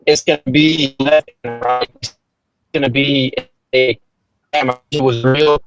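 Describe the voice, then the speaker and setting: A man's voice: medium pitch, steady tone, unhurried, dull audio, a crowd in the background. Man on a call that keeps breaking up. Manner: rambling, hedging, repeats words. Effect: call audio breaking up, cutting out. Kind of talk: casual debate chat. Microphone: online call connection.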